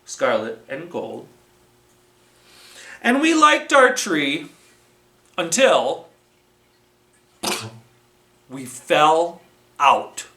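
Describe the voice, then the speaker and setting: Recorded in a roomy space some distance from the mic, a children's library storytime presenter reads a story aloud with a felt board. The medium-pitched delivery is slow, deliberate and expressive, an animated bit of storytelling.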